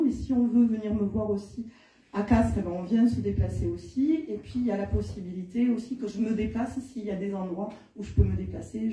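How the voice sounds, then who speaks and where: Female medium, southern French accent, very soft mellow tone, informal live address, roomy distant recording. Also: medium pitch, dull audio. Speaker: spirit medium. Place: indoor hall at a live-streamed event. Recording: echoey room, distant mic.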